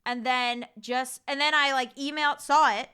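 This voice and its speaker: Guest spot: woman, thirties, high smooth voice, animated storyteller who swears freely. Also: moderate pace. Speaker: podcast guest. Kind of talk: casual storytelling chat.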